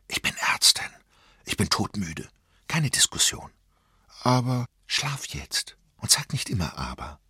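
A man voicing a tired, no-nonsense mother who is a doctor, firm and hushed. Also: mid-range voice, brisk, hardly any pauses, husky, dry recording, studio quality.

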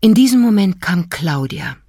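Low-voiced woman reading a story. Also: animated, moderate pace, warm tone, dry recording, studio quality. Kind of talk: scripted audiobook narration.

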